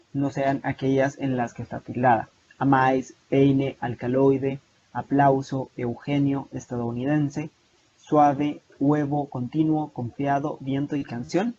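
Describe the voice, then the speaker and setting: Salvadoran man tutoring over a muffled call. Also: mid-range voice. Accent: Salvadoran Spanish. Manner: steady explanatory, many eh fillers and restarts. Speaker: online tutor. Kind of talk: lecturing over video call slides. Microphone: video call mic. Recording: muffled lo-fi video call with faint noise.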